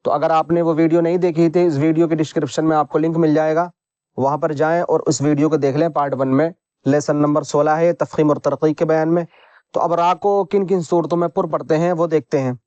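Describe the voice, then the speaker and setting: A man teaching Quran reading rules in a patient lesson, repeating each point and spelling out letters slowly. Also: fairly high pitch, a little mellow, no echo, dull audio. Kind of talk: slow instructional lesson.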